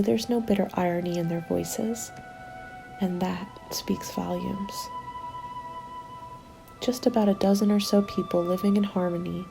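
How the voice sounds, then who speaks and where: In a soft, breathy ASMR roleplay that often drifts toward a whisper, a woman with a medium-pitched voice reads a winter journal as a weary but hopeful zombie-apocalypse survivor. The scripted dramatic narration carries a guarded sense of wonder, intimate throughout.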